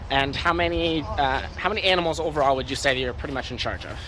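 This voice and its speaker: A man's voice: fairly high pitch, fast. A man hosting a casual on-location interview inside a barn, asking questions in an informal way. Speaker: host interviewer. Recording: noisy barn with animal sounds. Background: animals and farm noise.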